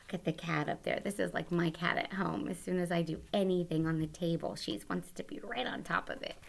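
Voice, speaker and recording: A woman hosting a children's storytime, reading a picture book aloud in a gentle, animated way with soft whispered asides. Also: on the low side, a little fast, vocal fry. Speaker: children's librarian storytime host.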